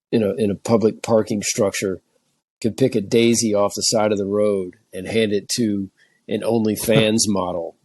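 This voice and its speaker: A man's voice: on the low side, a little mellow, dry recording. A man co-hosting a podcast in casual chat, blunt and emphatic, joking with profanity. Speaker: podcast co-host.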